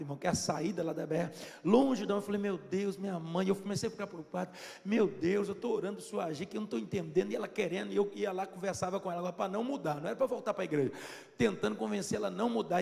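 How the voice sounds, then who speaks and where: A man preaching a sermon as pastor, with a Minas Gerais accent, telling his story in an animated way and acting out the quotes. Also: gravelly, long reverb tail. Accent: Brazilian Portuguese, Minas Gerais. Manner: animated storytelling, acts out quotes with sudden high-pitched voices. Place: church.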